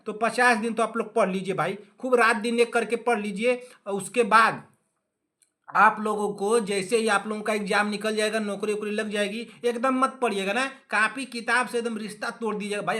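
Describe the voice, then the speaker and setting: A man's voice: sits high, sharp tone. A man teaching an online exam class, scolding his students in a playful, sarcastic way and repeating himself, in with a tinge.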